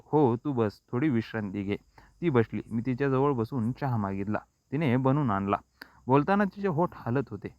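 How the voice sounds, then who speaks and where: Man telling a story first-person, slow and reflective, dry dull lo-fi sound. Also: medium pitch, no echo.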